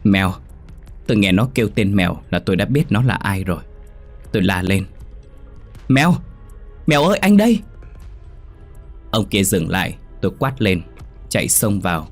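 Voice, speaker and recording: A man's voice: deep voice, a little fast. A man narrating a first-person horror story in a dramatic, exclamatory manner. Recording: faint background music.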